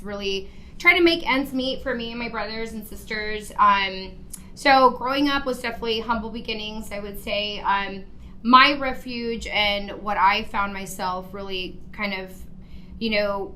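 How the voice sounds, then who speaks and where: A woman's voice: medium pitch, bright, forceful tone, slight background noise, rough recording. A woman in her thirties from El Paso, Texas, telling her life story as a podcast guest in an earnest way, with many ums and you-knows. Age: 30s. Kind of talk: casual personal story on a podcast.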